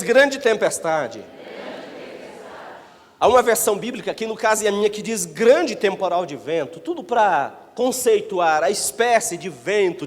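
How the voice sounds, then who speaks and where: A man preaching in a church with a long, ringing reverb, his voice pitched high and leaping all over its range. He delivers a Pentecostal sermon emphatically, swinging from shouted declarations to hushed asides. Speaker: pastor.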